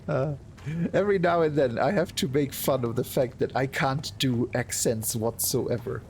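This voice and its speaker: A man's voice: medium pitch, creaky, a little hiss or hum. A man streaming a game, chatting casually and laughing at himself often. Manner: self-deprecating, laughs often. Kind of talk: casual gameplay chat.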